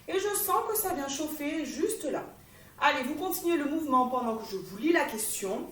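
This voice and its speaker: A woman fitness instructor talks a class through a warm-up, cheerful and encouraging as she moves. Her voice sits high and carries from a distance in a reverberant room. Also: lively intonation, moderate pace. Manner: encouraging, gives step-by-step cues while moving. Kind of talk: guided warm-up exercise class.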